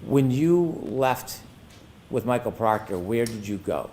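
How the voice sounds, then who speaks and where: Male trial lawyer, mid-pitched, methodical questioning of a witness, clear background noise. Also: lively intonation, slow pace, darkish tone. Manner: formal, precise, methodical. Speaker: prosecuting attorney. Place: courtroom.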